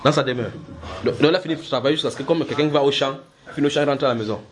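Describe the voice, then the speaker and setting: A man's voice: mid-range voice, rapid-fire, crowd noise. A man preaching, teaching the Bible by asking his listeners questions, repeating words and pressing his points with energy. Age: adult.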